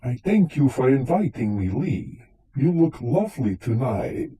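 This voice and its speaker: A man's voice: medium pitch, sing-song, unhurried, mellow, slight background noise. A man playing a vain, touchy, centuries-old vampire count in comic live radio theater, with a theatrical, formal way of talking. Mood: suave, boastful. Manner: theatrical, dryly boastful, formal phrasing.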